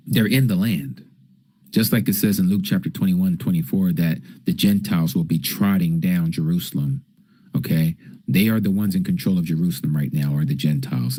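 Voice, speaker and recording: Answering viewers' questions in a casual scripture lesson on a livestream, this man speaks with a low, dark, slightly rough voice in a dry recording free of room sound. His explanations are dotted with frequent "okay?" checks.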